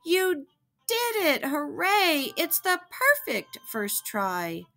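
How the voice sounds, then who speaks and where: A woman's voice: very high voice, huge pitch swings, slow pace, sharp tone, voice pushed up, heavily acted. A woman voicing a spirited, encouraging old great-great-aunt in a children's storybook, exclamatory and emphatic. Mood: excited, encouraging. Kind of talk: children's picture-book read-aloud acting.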